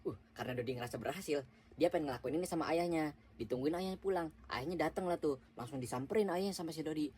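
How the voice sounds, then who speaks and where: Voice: mid-range voice, quick pace, a little hiss or hum. A storyteller casually narrating a funny short story in a chatty way. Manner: relaxed, chatty narration with fillers.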